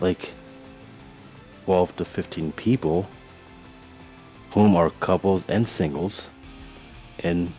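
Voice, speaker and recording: A man's voice: low-pitched, mellow, lo-fi sound. A man chatting casually in a laid-back way, swearing freely. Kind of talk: casual chat.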